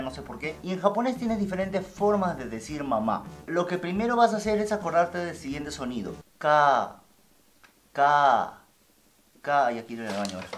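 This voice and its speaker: Playful man teaching a class. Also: on the high side. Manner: playful and jokey, repeats words slowly to drill them. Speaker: Japanese teacher. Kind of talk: casual online language lesson.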